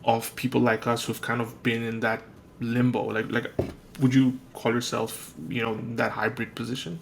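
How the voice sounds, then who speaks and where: A man's voice: medium pitch, level tone, moderate pace, gravelly, a little hiss or hum. A man hosting a podcast, asking loose, musing questions with many fillers in a casual conversation. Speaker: podcast host. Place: lives in Australia.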